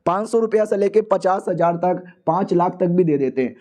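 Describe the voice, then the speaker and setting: A man's voice: high voice, fairly quick, mellow. A man casually recapping a comic story in a chatty, slangy way, acting out the characters as he goes.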